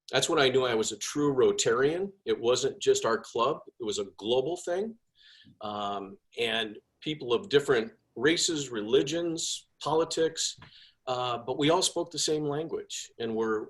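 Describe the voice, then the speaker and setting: A man's voice: medium pitch, a little slow. A man who is a past club president, telling a personal story in a casual, enthusiastic way. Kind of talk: personal speech.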